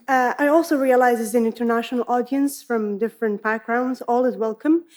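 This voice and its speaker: A woman's voice: a little high, darkish tone. Young woman from Palestine giving a talk. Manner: earnest, listing points deliberately. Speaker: PhD researcher presenting. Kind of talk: academic conference talk.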